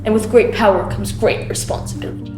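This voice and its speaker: A young woman chats casually in a roomy, echoing space with music clearly behind her. She rambles informally and shares her opinions in a medium-pitched voice. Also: fairly even intonation, fairly quick. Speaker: audio tour participant. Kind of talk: casual chat.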